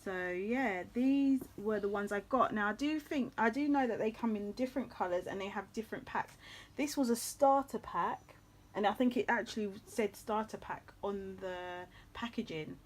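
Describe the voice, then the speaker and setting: A woman's voice: mid-range voice, normal speed. Chatty woman hosting a craft tutorial. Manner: chatty, rambling, with many ums. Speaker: craft channel host.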